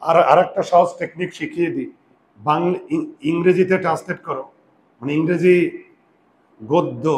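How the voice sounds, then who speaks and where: Patient man teaching, slightly high voice. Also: slight background noise, rough recording. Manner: slow, patient, repeats words and asks students questions. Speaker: Bengali grammar teacher. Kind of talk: classroom grammar lesson.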